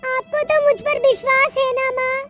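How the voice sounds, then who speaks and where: Brief: a voice actor as a gentle wronged sister, bright tone, slow and pleading. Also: extremely high pitch, faint music behind, full character voice. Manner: pleading and earnest. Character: meek, wronged younger sister girl. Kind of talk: cartoon story voice acting.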